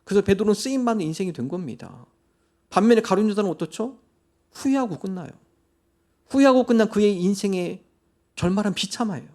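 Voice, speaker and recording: A man with a high, clear-pitched voice preaches earnestly to his congregation in a church sanctuary. He stretches out his words when he turns to prayer or leads a scripture reading. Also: animated, brisk, long pauses, warm tone. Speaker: pastor. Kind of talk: sermon.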